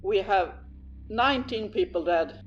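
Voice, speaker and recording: Speaking with a Swedish accent, a man plays a harried police officer on the phone, stammering and hurried with an urgent mood. His voice sits high and is expressive, though the audio is dull.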